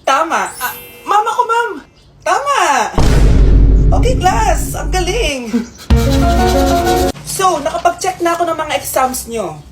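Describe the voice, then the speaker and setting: A woman's voice: extremely high pitch, sing-song, measured pace, pauses often. A woman acting out several roles in a playful comedy skit. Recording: music playing behind.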